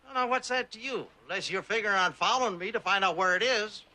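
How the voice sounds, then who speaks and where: A man's voice: high voice, fast, pushed and bright. A man playing a wary, sardonic old prospector in a TV western, with a folksy, wry manner. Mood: wry, suspicious. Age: older. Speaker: actor in a TV western. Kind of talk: TV western drama acting.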